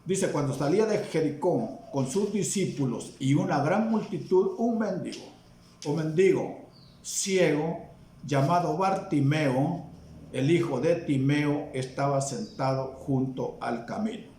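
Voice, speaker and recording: A Salvadoran man preaches a sermon at an unhurried, emphatic pace. His voice sits somewhat high and rings through an echoey church room. He keeps turning to the congregation with questions. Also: warm tone, a little hiss or hum. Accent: Salvadoran Spanish. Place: church hall.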